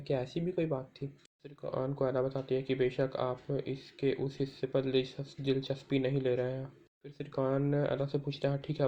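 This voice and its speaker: A man's voice: medium pitch, mellow, lo-fi sound. A man narrating an episode recap, retelling each scene and reading all the characters' lines himself.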